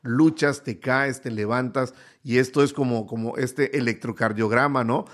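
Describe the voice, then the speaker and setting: A man's voice: mid-range voice, fairly even intonation, normal speed, fairly bright tone. A middle-aged man giving a casual motivational talk, conversational and repeating phrases for emphasis.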